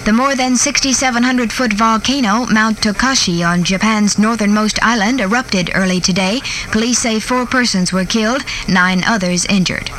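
A woman's voice: mid-range voice, normal speed, a bit bright. Woman reading old newsreel-style radio news, noisy recording. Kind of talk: scripted early 1960s radio news bulletin, old newsreel manner.

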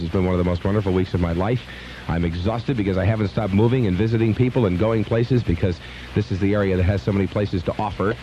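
A man's voice: sits low, warm tone, slight background noise. A man presenting live radio as a DJ, casual and loose with joking asides. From Southern California. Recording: dull lo-fi radio broadcast with music.

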